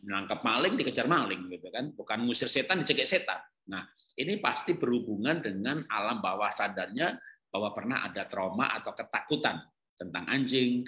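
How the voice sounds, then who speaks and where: A man's voice: medium pitch, bright, forceful tone, roomy sound. A man who is a pastor, answering questions in a church webinar in a casual, conversational way and acting out anecdotes with chuckles.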